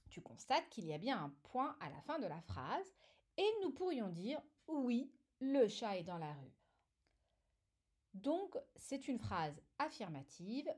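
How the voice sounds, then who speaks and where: A woman's voice: medium pitch, a little mellow, slightly rough. A woman teacher explaining a lesson to young children, patiently addressing the child directly and stressing key words.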